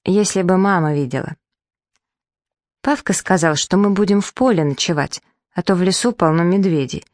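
A woman narrating a children's audiobook in the first person, lively and acting out the dialogue. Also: fairly low pitch, moderate pace, no echo, clean studio sound. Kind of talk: children's story reading.

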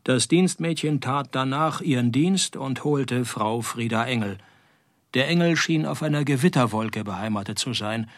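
Philip Maloney, deadpan noir detective played by a man. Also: medium pitch, moderate pace, no echo, close to an everyday voice. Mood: dry, deadpan. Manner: dry, deadpan, sardonic. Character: wisecracking, world-weary male private detective. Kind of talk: deadpan noir detective radio drama narration and dialogue.

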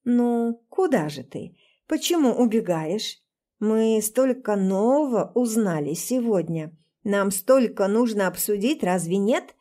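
A woman voicing an obsessive, violent young man in an audiobook, who shouts accusations and then turns softly menacing. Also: medium pitch, expressive, unhurried, lightly acted. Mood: creepily tender.

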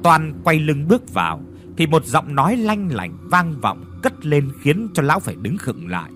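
Expressive male horror storyteller. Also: a little high, normal speed. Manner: dramatic, expressive reading.

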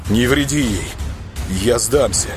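A man's voice: mid-range voice, moderate pace, over music, natural voice. A man voicing a weary, cornered young male werewolf who speaks in a pleading way in an audiobook.

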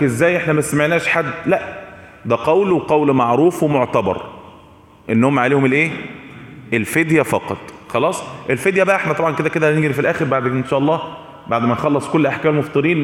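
A man with an Egyptian accent teaching a religious law lesson. He asks the audience questions, answers them himself, and repeats his key points. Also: a little high. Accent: Egyptian Arabic. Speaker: Islamic jurisprudence teacher. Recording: echoey hall with long reverb.

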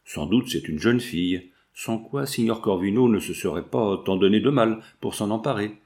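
A man's voice: fairly low pitch, moderate pace, darkish tone, natural voice. A man voicing a coarse, mocking male brigand sentry in an audiobook. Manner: mocking, crude cackle.

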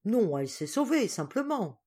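A woman's voice: medium pitch, sing-song, normal speed, dark tone, breathy edge, voice pushed up. A woman doing a brusque old spinster sister. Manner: brusque, commanding. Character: stern, forceful elderly spinster sister.

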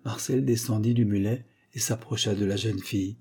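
A man calmly reading a short story aloud as narrator, in a measured way. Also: on the low side, husky.

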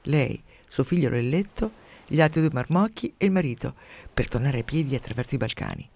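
A man narrating a story for radio in a dry, measured way. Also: mid-range voice, expressive, gravelly, darkish tone.

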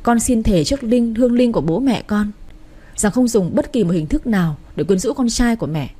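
A woman's voice: fairly high pitch, expressive, fairly quick, mellow, slightly rough, voice pushed up. Woman reading as a hurt young wife. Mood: hurt pleading. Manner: polite but pleading.

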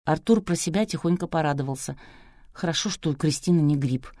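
A woman narrating a novel in an even, measured way. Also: deep voice, no room sound, clean studio sound. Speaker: audiobook narrator. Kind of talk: scripted narration.

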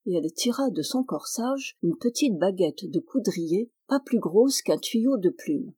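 A woman reading a fairy tale aloud in a steady, expressive storyteller's manner. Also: medium pitch, a little slow, breathy edge, dry recording.

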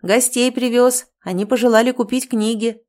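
A woman voicing a calm, sure young man who works as a guide, speaking steadily and plainly. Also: fairly high pitch, moderate pace, voice pushed up, lightly acted.

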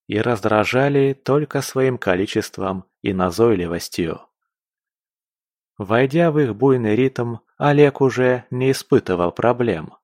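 A man narrating a fantasy audiobook in a steady, even storytelling manner. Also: mid-range voice, a little slow, no room sound, studio quality. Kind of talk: scripted narration.

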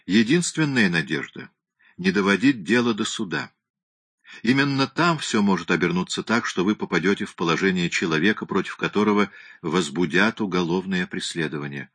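A man voicing a frank, firm middle-aged male lawyer who speaks straight without softening his words. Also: sits low, expressive, a little fast, slightly rough, no room sound, heavily acted.

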